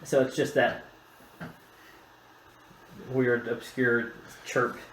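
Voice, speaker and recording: A man running a tabletop game as game master, relaxed and halting with fillers. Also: mid-range voice, echoey room, a little hiss or hum, low-quality recording.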